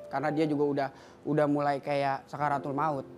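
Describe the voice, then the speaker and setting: A man's voice: a little high, monotone, fairly quick, a little mellow. Young man telling a stand-up story. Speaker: stand-up comedian. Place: large TV studio stage.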